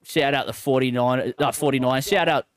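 A young Australian man chatting loosely about sport, laughing between lines. His voice sits at an ordinary middle pitch, recorded close and dry with no room sound. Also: moderate pace, no echo. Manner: laughs often, loose and joking. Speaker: podcast host. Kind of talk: casual sports podcast chat.

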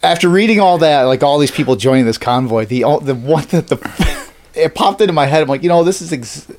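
A man's voice: a little high, animated, a little fast, darkish tone, a little hiss or hum. Man chatting loosely on a podcast. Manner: rambling, laughing, swears freely. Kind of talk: casual chat.

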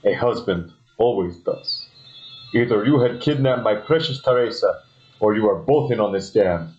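A man's voice: on the low side, expressive, normal speed, a little mellow, soft background music, close to an everyday voice. Man playing a smug aristocratic husband on lo-fi audio. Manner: smooth, smug, theatrical. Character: suave, calculating aristocratic husband.

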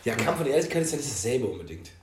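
A man's voice: mid-range voice, very animated, very fast. Guy musing about stuff on a podcast, echoey room, bit of background hiss. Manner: musing, philosophical tangents. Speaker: podcast co-host. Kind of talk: casual chat. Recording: roomy echo with faint noise.

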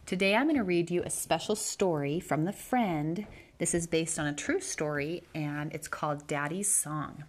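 A woman hosting a podcast, reading a children's story aloud slowly and gently. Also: low voice. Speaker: podcast host.

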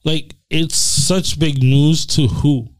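A man's voice: a little high, steady tone, slow, no echo. A man co-hosting a podcast who argues his points and pushes back with pointed questions. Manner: argumentative, asks pointed questions. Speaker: podcast co-host. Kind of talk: casual podcast chat.

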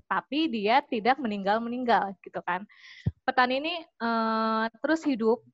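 A woman's voice: a little high, normal speed, dry recording, lo-fi sound. Chatty woman telling a myth to friends. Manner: chatty, with many "gitu kan" fillers and restarts. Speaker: community session host and storyteller. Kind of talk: casual storytelling talk to a group.

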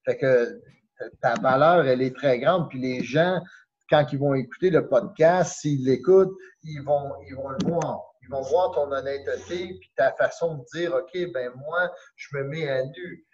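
Québécois karate teacher, male, mid-pitched, casual and encouraging, slightly muffled audio. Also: measured pace. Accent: Québécois French. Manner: warm and encouraging, drops in English phrases. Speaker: karate instructor, guest. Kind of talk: casual interview chat.

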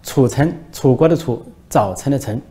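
A man voicing a calm, bold young woman who answers questions with composed, matter-of-fact retorts. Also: medium pitch, normal speed, close to an everyday voice. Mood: calm, deadpan.

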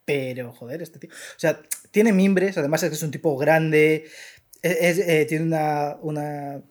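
A man, chatting casually about actors, animated with halting restarts. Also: a little high. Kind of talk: casual film discussion.

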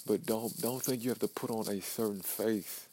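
With a lowish, dark-toned voice at normal speed, a man in his early twenties talks himself up in a blunt, profane podcast monologue, repeating phrases for emphasis. There's a little hiss or hum.

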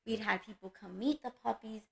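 A woman talks in an easy, casual chat, her voice carrying a gravelly edge. She tells stories with lively energy and slips into playful voices for her dogs. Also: on the high side, brisk, rough recording. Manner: animated storyteller, acts out her dog's voice. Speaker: dog breeder.

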